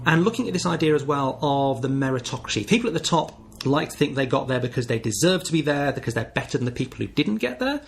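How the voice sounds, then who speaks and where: A man in his forties from the north of England, with a softened northern English accent, hosting his own podcast in a reflective, candid monologue. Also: medium pitch, big pitch swings, fast, creaky, hardly any pauses, a little hiss or hum. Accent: northern English, softened by years in the south. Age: 40s. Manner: reflective, candid, thinking aloud with small restarts. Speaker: podcast host.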